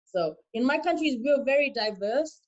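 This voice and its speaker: A woman from Papua New Guinea, a guest on a video call whose audio buffers and stutters, talking haltingly with many repeats and restarts. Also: sits high, animated, dull audio. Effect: buffering stutter from a freezing video call. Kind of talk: casual interview over a video call.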